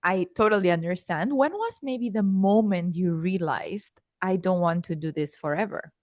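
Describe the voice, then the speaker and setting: A woman with a fairly low voice hosts a podcast interview, introducing her guest and asking questions in an upbeat, encouraging manner. She speaks at normal speed, and the studio sound is clean with no room tone.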